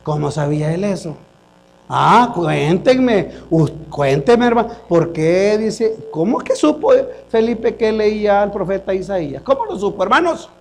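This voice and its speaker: A man's voice: high voice, animated, a little slow, gravelly, darkish tone, a little hiss or hum. A male pastor preaching a sermon at a church service into a microphone, often questioning the congregation and calling them brothers.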